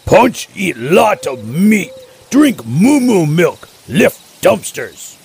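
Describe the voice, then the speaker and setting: Big dumb super mutant, gravelly, high and bouncy, caveman talk. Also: very animated, extremely slow, darkish tone, exaggerated voice. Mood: dim friendly. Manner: broken caveman speech, talks of himself by name. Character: hulking male super mutant, dim and friendly.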